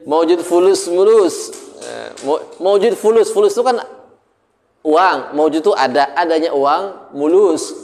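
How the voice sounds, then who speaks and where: A man's voice: on the high side, lively intonation, unhurried, a little mellow. A man with an Indonesian accent teaching Arabic grammar in a casual classroom lesson, joking and often asking his students questions.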